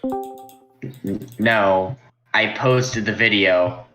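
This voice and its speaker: A man with a very low voice and a crisp, forceful edge runs a tabletop game. He narrates slowly and matter-of-factly, in a casual measured way. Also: faint music behind. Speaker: game master.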